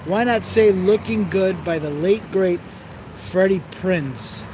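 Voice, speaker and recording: Speaking slowly in a high voice, a man hosts a casual live stream outdoors amid background noise. He rambles along, voices his viewers' comments aloud, and laughs at himself as he goes.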